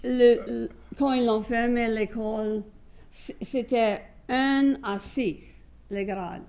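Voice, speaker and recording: Older female guest, Cajun French accent, creaky voice, unhurried and chatty. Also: on the high side, fairly even intonation, a little mellow. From south Louisiana, United States. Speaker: guest, singer. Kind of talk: casual reminiscing.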